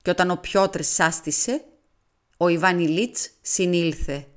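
A woman reading a classic novel aloud as an audiobook, in an expressive, dramatic narration. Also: lowish voice. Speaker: audiobook reader. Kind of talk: scripted literary narration.

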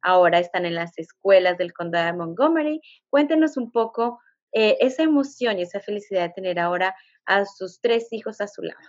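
A woman's voice: mid-range voice, lively intonation, a little fast. A woman interviewer asking formal, polite questions and addressing her guest respectfully. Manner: polite, formal, uses usted. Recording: dull lo-fi sound.

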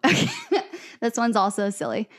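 A woman's voice: medium pitch, big pitch swings, moderate pace, a bit bright. A woman co-hosting a podcast, asking interview questions in a playful, encouraging way and laughing along with her guest. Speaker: podcast co-host. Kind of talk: casual conversational interview.

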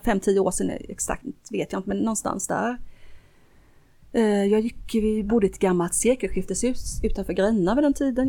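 A woman's voice: medium pitch, mellow. A middle-aged woman, a guest, telling a personal story earnestly in casual conversation, with frequent restarts. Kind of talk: casual interview talk.

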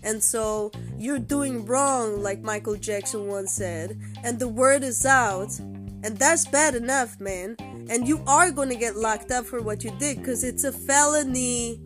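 A woman from Switzerland delivering an angry, swearing monologue to her listeners, dropping to low mutters and then bursting out loudly. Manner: angry ranting, heavy swearing, swings from low mutters to loud outbursts.

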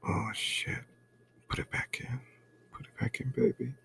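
A man doing an intimate whispered role-play right in your ear, breathy and coaxing, close to the mic. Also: measured pace, a bit bright. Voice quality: breathy, mostly whispered low voice.

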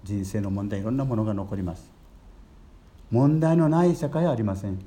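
Older priest preaching in a low voice. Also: male voice, fairly quick. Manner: gentle storytelling preacher, rising emphasis on key words. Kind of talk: sermon.

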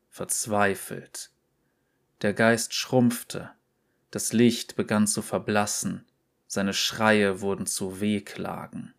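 A man narrating a short story in a slow, deliberate, measured reading. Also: lowish voice.

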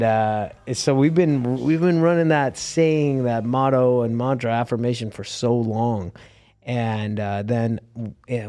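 A man with a hoarse, raspy, worn voice, telling stories casually and informally as an interview guest. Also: medium pitch, mellow, no echo. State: hoarse, losing his voice. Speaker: guest musician in a band. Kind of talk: casual conversational storytelling.

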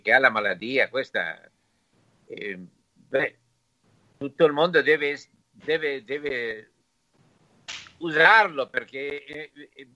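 A man from Argentina speaking with an Argentine Spanish accent as a native Spanish speaker, halting and searching for words in a casual interview. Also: mid-range voice, pushed and bright, low-quality recording. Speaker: interview guest.

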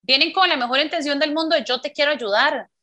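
A woman's voice: high voice, a little fast, pushed and bright. A woman, a guest in a conversational interview, talking earnestly and emphatically with frequent tag questions.

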